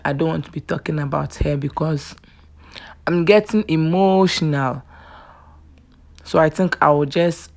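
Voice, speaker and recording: A woman's voice: deep voice, gravelly, darkish tone. A woman beauty vlogger chatting casually through a makeup tutorial, affectionate and talkative, often saying "yes" between thoughts.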